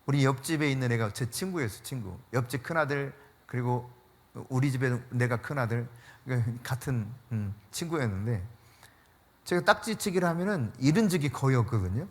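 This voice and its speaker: A man preaching a sermon as pastor, telling stories in an animated way with frequent laughter and dropping to a hushed voice for emphasis. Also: a little fast. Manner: drops to a hushed low voice for emphasis.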